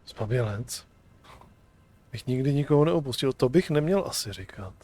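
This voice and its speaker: A man's voice: mid-range voice, expressive, moderate pace, a little mellow. Man casually reading game choices aloud. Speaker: video game streamer.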